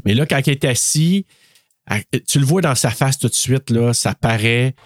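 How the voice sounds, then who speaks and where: A man's voice: medium pitch, normal speed, dry recording. A man with a Québécois accent, co-hosting a podcast and retelling a film in casual talk full of fillers. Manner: animated retelling with many fillers. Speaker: podcast co-host.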